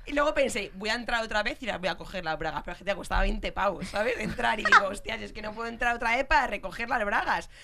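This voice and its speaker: A woman with a Spain Spanish accent telling a story in casual chat, animated, swearing and laughing as she goes. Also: medium pitch, quick pace, vocal fry, hardly any pauses, noisy background. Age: adult with a young child. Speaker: podcast co-host telling a story.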